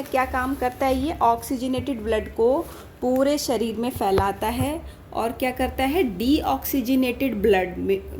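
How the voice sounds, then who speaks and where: A woman from India teaching a casual lecture, talking quickly and checking in with her students after almost every point. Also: fairly high pitch, a little mellow, a little hiss or hum. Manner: talks fast, with a rhythm that speeds up as she teaches; keeps asking and answering her own questions, peppered with "theek hai" checks. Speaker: pharmacy tutor.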